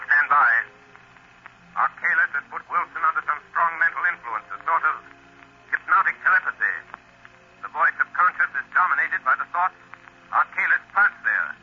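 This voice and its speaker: An actor playing a mysterious, calm crime-fighter who lurks in shadows, deliberate and mocking, in theatrical 1930s radio style. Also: male voice, a little high, breathy edge. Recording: muffled 1930s radio recording.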